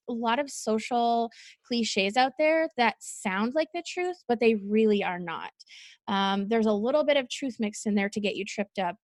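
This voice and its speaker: Chatty, higher-voiced woman podcaster. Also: dry recording, clean studio sound. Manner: chatty, laughs easily. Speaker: podcast co-host. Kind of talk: casual podcast discussion.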